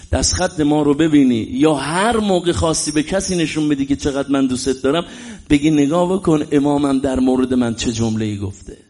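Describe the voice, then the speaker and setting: A man preaching a religious sermon in an emphatic way, often rising into loud exclamations. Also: on the high side.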